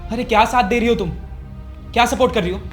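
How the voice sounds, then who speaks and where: A man's voice: on the high side, a little fast, soft background music, lightly acted. A man playing a young husband loyal to his elder brother who lectures his wife in a scripted family drama. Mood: lecturing. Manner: lecturing, stern.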